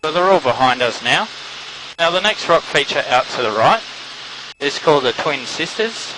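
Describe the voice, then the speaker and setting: A man's voice: on the high side, animated, normal speed. A man gives informative sightseeing commentary as a helicopter pilot and tour guide, pointing out landmarks. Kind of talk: tour commentary over a headset. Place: inside a flying helicopter. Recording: loud helicopter engine noise over intercom.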